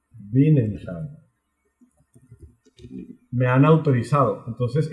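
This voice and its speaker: A man gives an online language lesson in a slightly high voice. He talks very slowly and repeats phrases as he explains. The sound is echoey, as if recorded in a bare room. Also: darkish tone. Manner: slow, patient explaining with many repetitions. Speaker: language teacher.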